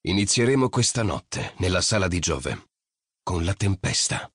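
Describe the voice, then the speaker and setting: A man voicing a mysterious, bird-like old man in an audiobook, speaking slowly and enigmatically. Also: sits low, very animated, husky, no room sound, studio quality, full character voice. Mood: enigmatic. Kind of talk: audiobook character voice.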